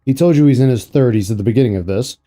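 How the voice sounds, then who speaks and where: A man's voice: mid-range voice, racing, warm tone, faint music behind. A man streaming, commenting sarcastically and incredulously on an interview clip he is playing. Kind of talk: reaction commentary.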